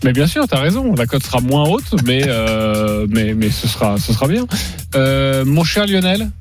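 A man's voice: medium pitch, big pitch swings, moderate pace, faint music behind. A man hosting a radio show in casual chat, talking with lots of fillers. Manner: chatty, hesitant with many fillers. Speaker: radio sports betting show host.

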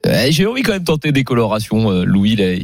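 Lower-voiced, quick male pundit. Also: big pitch swings, no room sound. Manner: hesitant, reasoning aloud. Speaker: radio pundit. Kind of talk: casual studio analysis.

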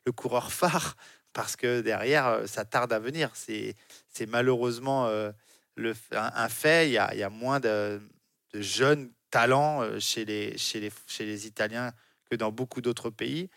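A man's voice: medium pitch, a little slow, vocal fry, fairly bright tone, no room sound, studio quality. Passionate French man on sports radio. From France. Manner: passionate, restarts and repeats words often. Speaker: cycling consultant on a radio sports show. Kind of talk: lively radio studio discussion. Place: radio studio.

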